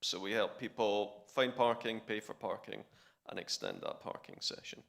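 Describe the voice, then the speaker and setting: A man's voice: on the low side, huge pitch swings, moderate pace, creaky, fairly bright tone. Conference panelist, man, explanatory with restarts.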